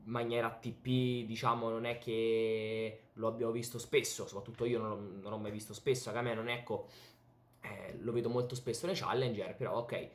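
A young man with an Italian accent giving an excited, emphatic, casual sports recap to camera in a home room. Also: fairly low pitch, fairly quick. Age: young adult. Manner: excited, animated, emphatic with repeated words. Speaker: YouTube tennis commentator and host. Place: small home bedroom, indoors. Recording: roomy, echoey home room.

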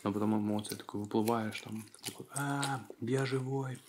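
A man's voice: fairly low pitch, normal speed, background noise. A man in his twenties chatting casually and slangily with his mouth full, chewing as he talks. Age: 20s. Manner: slangy, relaxed storytelling. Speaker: mukbang co-host. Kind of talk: casual chat while eating.

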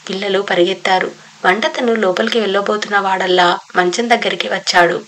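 A woman narrating a novel as an audiobook, with steady, even storytelling. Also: medium pitch, a little fast, low-quality recording.

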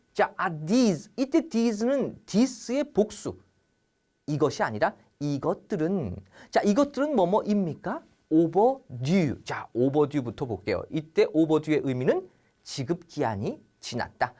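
A woman teaching English grammar on a TV lesson, acting out question-and-answer pairs and drilling English phrases slowly between quicker explanations. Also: lowish voice, dark tone.

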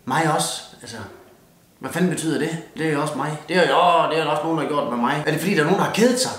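A young Jutlandic man delivers a crude comic rant, cursing with nearly every breath and stopping to toast with his beer. His voice sits a little higher than most men's. The room around him rings with a noticeable echo. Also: fairly bright tone. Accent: Jutlandic Danish. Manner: swears constantly, blunt and rowdy, toasts with a beer. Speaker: comedian doing a mock New Year's speech.

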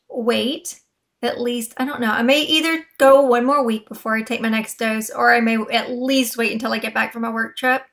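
Chatty, slightly hoarse woman vlogger. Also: on the high side, fairly bright tone. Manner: chatty, rambling, with many fillers and restarts. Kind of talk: casual weight-loss update vlog.

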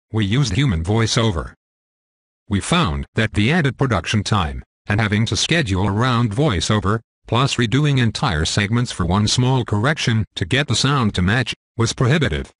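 A synthetic male narrator with a robotic text-to-speech quality and a fairly low pitch. He reads scripted material with crisp, formal diction, and the sound is close and dry without room reflections. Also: dry recording.

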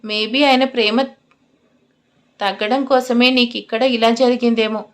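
A woman voicing a caring young man who pleads gently on a phone call between friends. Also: fairly high pitch, fairly even intonation, unhurried, lightly acted. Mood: earnest.

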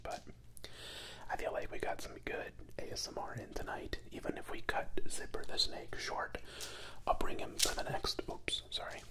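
A young man from Florida whispering a rambling, self-doubting ASMR chat close into microphones. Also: moderate pace. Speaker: ASMR creator. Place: small home room with neon lights, indoors. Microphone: two studio mics close on either side.

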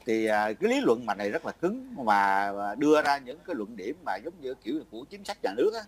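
Older Vietnamese man, fast rambling chat. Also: mid-range voice, sing-song, slightly rough. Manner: rambling, self-interrupting, laughs often. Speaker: interviewee. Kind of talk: casual chat.

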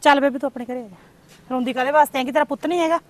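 Woman, high and fast, soothing neighbour. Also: steady tone. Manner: soothing, consoling. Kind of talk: amateur family drama acting.

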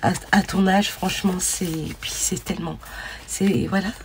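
A woman vlogger opening crafted mail, gushing over each piece and often dropping to a soft whisper. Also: fairly low pitch, steady tone, unhurried, noisy background. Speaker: scrapbooking vlogger. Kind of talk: casual mail-opening vlog.

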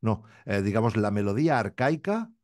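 A man's voice: fairly low pitch, very animated, moderate pace, darkish tone. A middle-aged man hosting a video-call interview from a home office, chatty and joking, asking long run-on questions. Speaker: host. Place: home office with framed posters.

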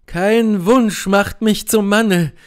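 A man's voice: sits high, steady tone, extremely slow, smooth, voice pushed up. A man voicing a passionate young noblewoman, fiery and grieving, in an audiobook reading with impassioned outbursts. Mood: indignant.

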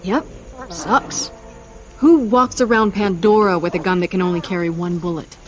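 An actress playing a sarcastic, quick-witted young woman in a video game, dry and flippant. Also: on the low side, faint music behind, natural voice.

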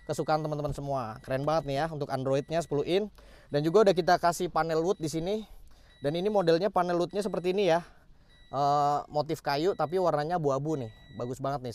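Man, car workshop vlogger, enthusiastic walkaround, slightly high pitch, dry close sound. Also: darkish tone, dry recording. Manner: enthusiastic, repeats "keren banget nih" and "teman-teman". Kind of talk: casual walkaround showing a modified car.

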